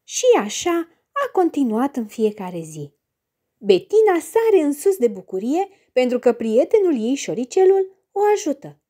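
Woman storyteller reading to children, high and very lively voice.

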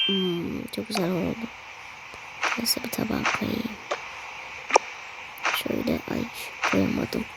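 A woman's voice: medium pitch, vocal fry, very noisy. A woman vlogging casually, talking to her viewers as friends and often dropping into whispered asides. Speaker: prank vlogger.

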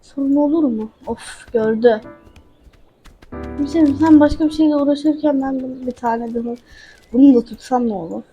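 A woman's voice: sits high, moderate pace, warm tone, husky, muffled recording, soft background music. A woman hosting a gaming channel, chatting casually to her viewers as she plays and talking back to a character in the game. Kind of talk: casual let's-play commentary.

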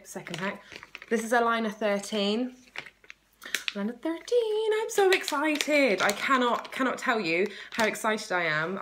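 A woman in her thirties vlogs to camera, chatting casually and enthusiastically in a medium-pitched, slightly bright voice. She's indoors in a small room at home by a window, recorded on a phone held at arm's length, with a little hiss or hum.

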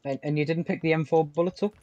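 A man's voice: fairly high pitch, fairly even intonation, quick pace, darkish tone, no echo, lo-fi sound. A man chatting while gaming, giving advice and often restarting his sentences. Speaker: player. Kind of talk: casual game chat.

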